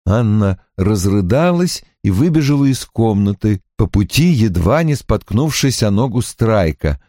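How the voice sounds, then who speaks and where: A man reading an audiobook as narrator in a measured, expressive way, close to the mic. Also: on the low side, dry recording. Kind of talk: scripted narration.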